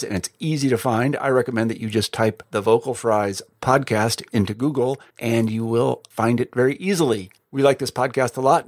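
A man, a podcast editor, reading a promotional announcement in a plain-spoken, measured way. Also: mid-range voice, dry recording, clean studio sound.

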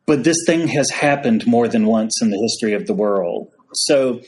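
A man's voice: mid-range voice, lively intonation, moderate pace, darkish tone. A man, a priest as podcast guest, telling a story in a casual folksy way. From United States. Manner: folksy storyteller, frequent "y'all".

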